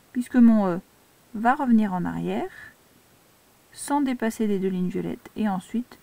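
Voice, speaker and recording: Institutrice patiente, voix douce et grave. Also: female voice, on the high side, gravelly, warm tone, dry recording. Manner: slow, patient step-by-step instruction. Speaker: primary school teacher. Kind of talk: handwriting lesson for young children.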